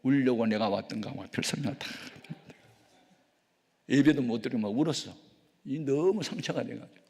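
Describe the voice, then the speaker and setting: An older man preaches in a long, ringing hall, his voice gravelly and rough at the edges. He tells a personal story as a pastor, acting out each exchange with sudden shouts and hushed asides. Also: medium pitch, moderate pace. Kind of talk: sermon with storytelling testimony.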